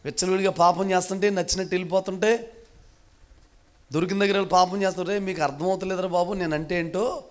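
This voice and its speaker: A man's voice: sits high, fairly even intonation, fast talker. A male pastor preaching a fervent sermon to his congregation in church, calling out hallelujah again and again. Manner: fervent, calls for loud hallelujahs, often addresses congregation as beloved.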